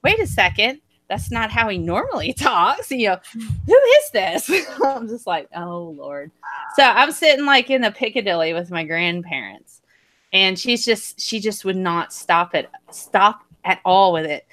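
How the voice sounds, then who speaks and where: A woman's voice: mid-range voice, big pitch swings, moderate pace, sharp tone. A young woman on a video call, telling a personal story animatedly, laughing often and swearing when heated. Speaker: panel guest. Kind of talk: casual group video chat.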